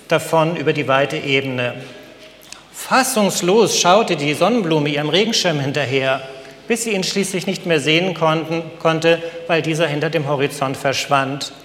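A man narrating a storybook tale in a gentle, measured way. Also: on the high side, big-room sound.

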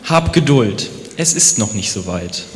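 A man's voice: on the low side, sing-song, measured pace, roomy sound, in a large hall, pitched below the performer's own voice. A man doing a growling stern potter. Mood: curt. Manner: growling, curt.

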